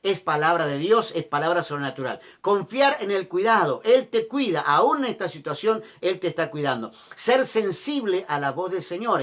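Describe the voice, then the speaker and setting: A man's voice: high-pitched, a bit bright. A male pastor preaching a sermon, repeating key phrases and asking the listeners rhetorical questions.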